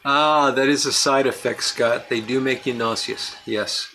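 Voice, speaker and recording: Hosting a casual livestream, this man works through viewer chat, replying to each person by name and laughing readily. His medium-pitched voice sounds pushed and bright, unhurried, with fairly even intonation.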